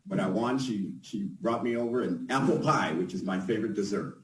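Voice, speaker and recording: A man giving an informal inaugural speech as a new mayor, halting and pausing often. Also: lowish voice. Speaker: newly elected mayor. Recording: echoey room, distant from mic.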